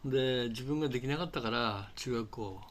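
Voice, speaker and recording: A man's voice: mid-range voice, a little hiss or hum. Rambling older man with speech. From Japan. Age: 60s. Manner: rambling, halting, full of fillers and restarts. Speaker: English conversation teacher. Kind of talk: casual talk to camera.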